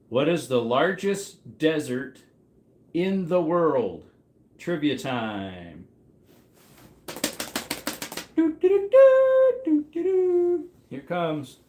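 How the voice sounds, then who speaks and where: A man's voice: on the high side, darkish tone, roomy sound. Mid-thirties man hosting trivia stream. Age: 30s. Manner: rambling, reacts to chat as he goes. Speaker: livestream host running trivia. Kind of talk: casual livestream chat.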